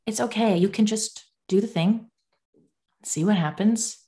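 A woman guest telling stories in a casual interview, animated and self-mocking, laughing often as she talks. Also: medium pitch, unhurried. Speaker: podcast guest.

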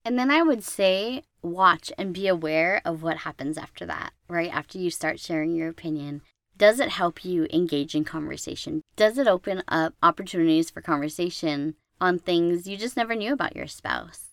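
A woman's voice: fairly low pitch, normal speed, dry recording, clean studio sound. A woman with an American accent speaking as a podcast co-host. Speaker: podcast co-host, mental health provider. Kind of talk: conversational relationship advice, scripted disclaimer at end.

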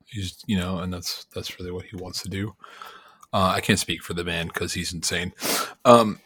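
A man's voice: deep voice, fairly even intonation, moderate pace, a bit bright, husky. A man co-hosting a podcast in casual chat, rambling with lots of fillers and easy laughter. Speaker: podcast co-host.

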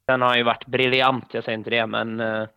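A man's voice: mid-range voice, little pitch movement, clear, resonant tone, dry recording. Hesitant man on a dull headset. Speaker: podcast co-host. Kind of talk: casual football analysis.

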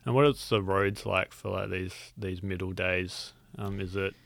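A man's voice: deep voice, level tone, normal speed, vocal fry, fairly bright tone, no echo. An Australian-accented man asking questions in a casual conversational interview.

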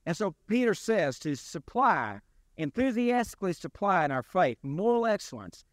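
A man preaching a sermon as pastor, in a deliberate, emphatic delivery with rising and falling stresses. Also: sits high, sing-song, dry recording, clean studio sound.

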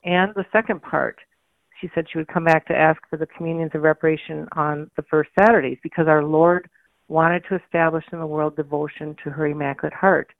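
A woman radio guest with a low, gritty, gravelly voice, hoarse, explaining religious matters conversationally. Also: steady tone, fairly quick, dry recording. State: hoarse from a mild allergy. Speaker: interview guest, communications director. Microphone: phone call. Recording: tinny phone line, radio interview.

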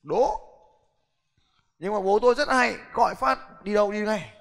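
High-voiced man lecturing in a big hall. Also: measured pace, vocal fry, faint music behind. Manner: lively, blunt, challenges the audience directly. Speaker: seminar speaker. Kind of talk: motivational business seminar talk. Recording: long hall reverb.

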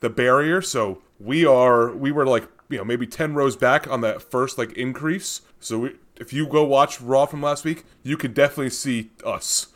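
A man co-hosting a casual podcast, telling a relaxed, jokey story to friends. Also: medium pitch, moderate pace, hardly any pauses. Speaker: podcast co-host. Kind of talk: casual chat.

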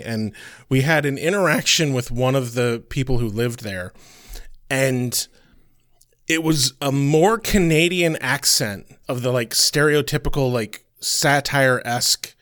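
A man's voice: medium pitch, lively intonation, normal speed, fairly bright tone, no echo. A young adult man co-hosting a podcast, rambling through stories with frequent laughs and easy swearing. His voice sits mid-range for a man, recorded close and dry with no room sound. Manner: laughs often, loose storytelling with profanity. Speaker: podcast co-host. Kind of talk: casual chat.

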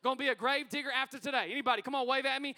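High, bright-voiced energetic pastor man. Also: very fast. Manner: energetic, calls out to the congregation. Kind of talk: sermon. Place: church hall.

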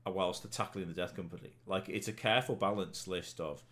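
A man's voice: sits low, fairly even intonation, fast, fairly bright tone. A man hosting a casual gaming podcast, chatty and jokey, asking his guests questions. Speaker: podcast host.

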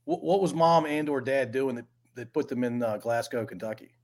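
A man's voice: medium pitch, fairly quick. A man hosting a casual podcast interview, joking and asking short questions. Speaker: host.

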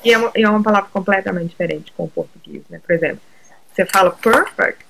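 A woman's voice: mid-range voice, fast, creaky, fairly bright tone, low-quality recording. A middle-aged woman from Brazil, a guest in a casual interview, talking hesitantly with many restarts and mixing in English words.

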